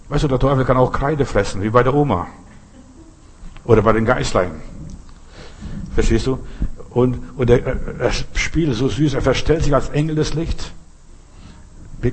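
A man's voice: medium pitch, a little mellow, slightly rough. A man preaching a sermon, speaking to his listeners directly and often asking them questions.

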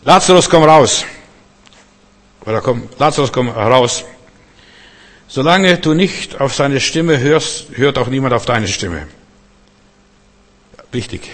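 A man preaching a sermon, swinging between loud proclamations and quiet, conversational asides. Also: mid-range voice, expressive, takes it slowly, pauses often. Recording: long hall reverb.

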